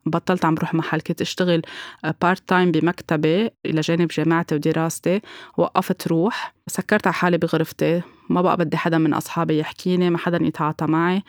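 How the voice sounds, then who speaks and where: Brief Lebanese woman, rapid candid testimony, dry close sound. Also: low-pitched, level tone, dry recording. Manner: candid, reflective, mixes in English words. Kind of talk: personal testimony.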